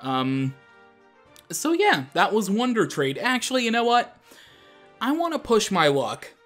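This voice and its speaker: A high-pitched, slightly bright male voice with huge pitch swings moves at a measured pace. He's hosting a gaming show, chatting casually about the gameplay and making fun of himself often, with video game music in the background.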